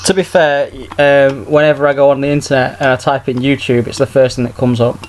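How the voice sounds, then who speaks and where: A man's voice: medium pitch, steady tone, brisk, slight background noise. A man casually hosting a podcast in a hesitant, understated way. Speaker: podcast host.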